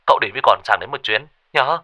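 A man voicing a brash young village man who talks shrilly, fast and pushily. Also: lively intonation, bright, forceful tone. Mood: excited pleading. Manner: shrill, rapid and pushy.

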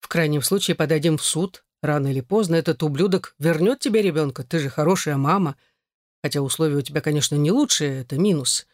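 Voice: mid-range voice, fast, no echo, natural voice. A reader voicing a confident male boss in an audiobook, dry and close. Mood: reassuring. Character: self-assured male boss, reassuring. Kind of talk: audiobook character reading.

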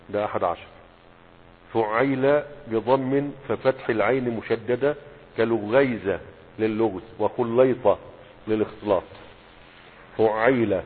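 A man with an Egyptian accent teaching a grammar lesson as a sheikh, asking rhetorical questions and stressing each word pattern slowly. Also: lowish voice. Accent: Egyptian Arabic. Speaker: sheikh teaching Arabic morphology. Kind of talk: classroom lecture explanation. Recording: tinny phone-like lecture recording with hum and reverb.

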